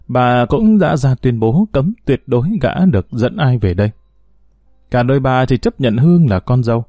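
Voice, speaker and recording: A man narrating a social drama audio story in a measured, dramatic way. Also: medium pitch, no room sound, muffled recording. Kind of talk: scripted narration.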